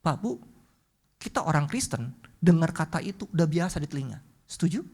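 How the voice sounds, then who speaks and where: A woman preaching a sermon, speaking straight to the congregation and telling a story that swings between hushed, quiet passages and loud, excited ones. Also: deep voice, fairly quick, husky.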